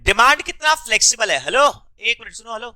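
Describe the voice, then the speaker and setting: Talking fast in a very high-pitched, pushed and bright voice, a male economics teacher gives an expressive classroom lecture. He mixes terms into his speech and keeps prompting the students to call back answers.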